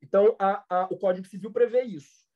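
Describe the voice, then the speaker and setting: A man's voice: sits high, fairly even intonation, quick pace, phone-quality sound. A Brazilian man, a law professor, giving a lecture with many fillers and restarts. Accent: Brazilian Portuguese. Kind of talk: online lecture.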